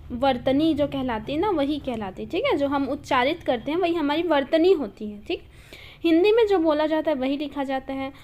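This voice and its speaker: A woman with a high, light voice teaches an online grammar class. She explains each point patiently and keeps checking in with a quick "okay" as she goes.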